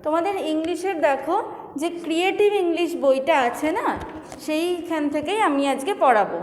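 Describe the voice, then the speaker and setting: A woman teacher giving a slow, patient lesson to young children and spelling out words letter by letter. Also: very high-pitched, slight background noise. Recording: echoey room with long reverb.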